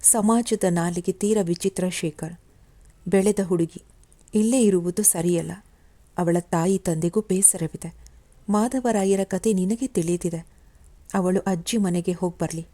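A woman's voice: on the low side, a little slow, dark tone, no echo. A woman voicing a kindly old male household cook in a storybook who reassures and advises in a fatherly way. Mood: advising.

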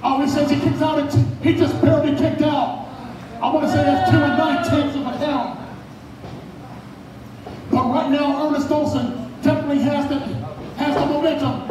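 High-pitched male wrestling commentator in echoey venue. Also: moderate pace, pauses often, heavy background noise. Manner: excitable, shouting at big moments. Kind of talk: live play-by-play wrestling commentary. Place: indoor bar venue with wrestling ring. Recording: echoey venue from far off, loud crowd and music.

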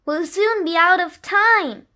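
Fretful male weevil servant, worried and hurried, bright voice, read by a woman. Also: extremely high pitch, exaggerated voice.

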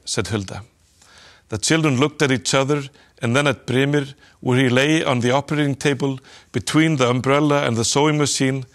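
A man reading a children's story aloud, telling it gently and lifting his voice a little for the children's lines. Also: medium pitch.

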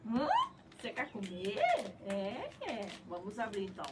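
A woman's voice: mid-range voice, expressive, unhurried. A middle-aged Brazilian woman hosting a pet product review vlog in a playful, cutesy manner, sprinkling in Japanese catchphrases. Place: small tiled outdoor patio or yard. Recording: clear background noise, outdoor ambience.

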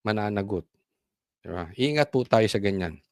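A man's voice: lowish voice, lively intonation, normal speed, darkish tone, no room sound, studio quality. A man with a Filipino accent giving preachy, mocking political commentary to his viewers. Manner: preachy, mocking, chanting, laughing asides.

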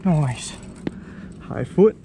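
A young man muttering halting, slangy commentary to himself as he exerts himself rock climbing outdoors. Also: a little high, animated, mellow. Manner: halting, talking to himself in short slangy phrases. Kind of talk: casual muttered self-commentary while climbing. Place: outdoors on a rock cliff face. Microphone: body-worn action camera. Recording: clear outdoor noise on action camera.

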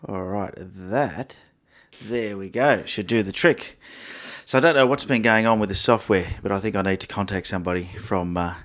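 An Australian man with a fairly low voice hosts a photography live stream. He talks in a relaxed, chatty way and greets his viewers one by one. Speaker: photography show host. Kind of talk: casual live-stream chat.

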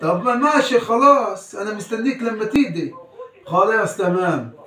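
A man's voice: high-pitched, lively intonation, moderate pace, bright, forceful tone, reverberant, poor audio. A man, chatting with and teasing his small son, scolding playfully and laughing often. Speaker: father.

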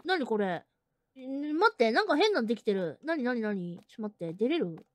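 A woman streaming a horror game, talking bluntly and roughly, laughing often and shouting at the scares. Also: a little high, big pitch swings, normal speed, a little hiss or hum. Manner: rough, blunt casual talk with frequent laughter; bursts into loud shouting at scares. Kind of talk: live horror game commentary.

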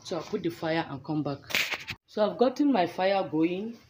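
A woman's voice: on the low side, expressive, dark tone. A woman giving a casual, chatty step-by-step demonstration in an indoor workspace, filmed on a phone held over her hands. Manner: slow, chatty step-by-step explaining. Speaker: soap-making instructor. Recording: noisy phone recording.

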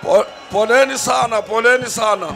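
An older man addresses an outdoor stadium rally on a handheld mic. His voice is very high with a gravelly edge, loud and rousing, with a faint crowd behind him. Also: brisk, soft background music. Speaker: rally speaker. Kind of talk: rally speech. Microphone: handheld microphone.

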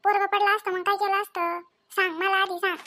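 A woman voicing a sharp village mother-in-law who scolds and keeps demanding answers. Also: very high voice, little pitch movement, a little fast, exaggerated voice. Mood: scolding.

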